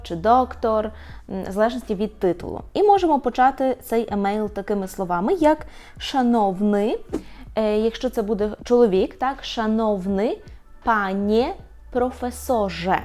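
A woman teaching an online language lesson, patiently saying each word slowly and repeating it for practice. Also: medium pitch, a little mellow.

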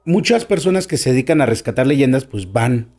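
Mexican man, podcast guest, storyteller, expressive tone shifts, stressed words, mid-pitched voice. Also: a little fast, breathy edge. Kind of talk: casual podcast conversation.

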